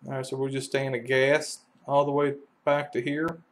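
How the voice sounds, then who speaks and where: A man's voice: mid-range voice, flat delivery, moderate pace. A man with a Kentucky accent giving a casual, folksy how-to explanation as an HVAC technician, full of loose analogies and fillers.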